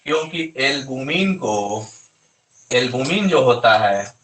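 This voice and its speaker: Bright-voiced man teaching in an echoey room. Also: mid-range voice, animated, takes it slowly, a little hiss or hum. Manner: asks and answers his own questions. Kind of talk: classroom lecture.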